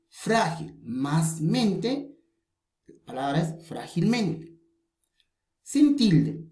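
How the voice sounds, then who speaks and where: A woman teacher from Peru talks through a grammar lesson with slow, careful emphasis. Her voice is low and mellow but rises and falls a lot. The recording has a roomy echo. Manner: slow, deliberate explanation with stressed example words.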